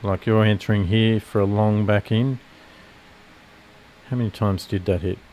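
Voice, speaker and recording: Lowish, nasal male streamer; loose, rambling live-trading commentary full of restarts. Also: fairly even intonation, normal speed, darkish tone. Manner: rambling, self-correcting explanation with fillers. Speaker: futures trader streaming live.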